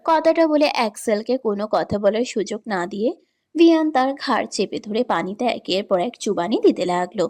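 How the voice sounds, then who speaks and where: A woman reading a romance story in scripted narration, with steady, even storytelling. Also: medium pitch, normal speed.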